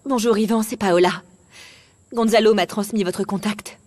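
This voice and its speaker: A woman's voice: medium pitch, fairly even intonation, normal speed, a little mellow, lightly acted. An actress dubbing a woman who leaves a polite, formal voicemail about an urgent matter. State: leaving a voicemail. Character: grown woman calling for urgent help. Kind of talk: dubbed TV drama.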